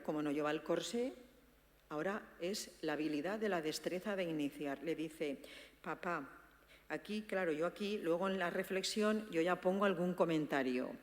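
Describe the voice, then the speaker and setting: A woman gives a lively teaching talk to an audience, acting out sample dialogues and speaking to her listeners directly. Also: on the low side. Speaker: speaker presenting a book on active listening. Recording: long reverb of a hall.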